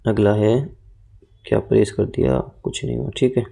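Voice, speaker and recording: A man with a mellow, dark-toned voice works through exam questions as a teacher. He repeats each word slowly and spells it out so students remember it. His delivery is steady and instructive. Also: fairly low pitch, vocal fry. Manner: explains and repeats words, drills spelling points. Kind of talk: exam-prep lesson.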